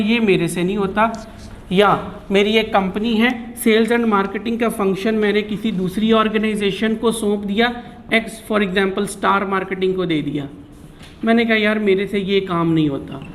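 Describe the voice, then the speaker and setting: A high-pitched man gives a chatty classroom lecture as a teacher, teasing his students and mixing in English terms. There's slight background noise.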